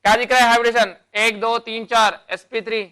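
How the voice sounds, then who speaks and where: Fairly quick and flat in delivery, a man with a very high, sharp, clear and resonant voice gives a chemistry class lecture. He explains step by step with technical terms, answers his own questions, and calls the students "beta" and "bhai."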